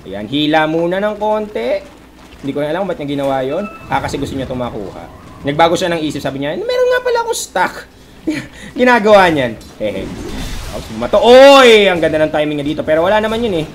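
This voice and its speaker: High-voiced Filipino esports caster. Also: male voice, a little hiss or hum. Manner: switches fast between calm analysis and excited shouting, voices players' lines. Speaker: esports commentator. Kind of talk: play-by-play game commentary.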